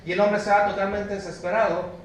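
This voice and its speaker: A man with a Mexican Spanish accent preaching a sermon as pastor, emphatic, moving between loud exhortation and low, hushed stress while questioning his congregation. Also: level tone, quick pace, slight background noise. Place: church sanctuary. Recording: very echoey church recorded from a distance.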